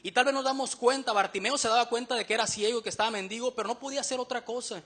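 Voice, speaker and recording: Preacher guy, high bright voice, earnest, asks the church lots of questions. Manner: earnest, questioning the congregation, slows down to read verses. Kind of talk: sermon.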